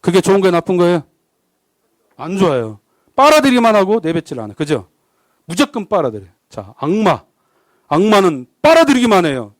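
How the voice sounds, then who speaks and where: A man preaching with a high, bright voice that leaps up and down through his sentences. He jokes and keeps firing questions at the congregation. The sound is close and dry, with little room echo. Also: brisk, pauses often. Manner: lively, jokey, keeps asking the congregation questions. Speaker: guest pastor. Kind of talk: sermon. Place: church service.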